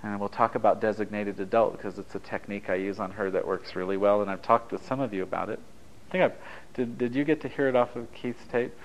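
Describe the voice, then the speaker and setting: On a muffled recording, a man with a lowish voice talks fast as he runs a relationship workshop that was taped. Originally from Italy but a native Japanese speaker, he keeps things conversational, sharing anecdotes and joking with the group.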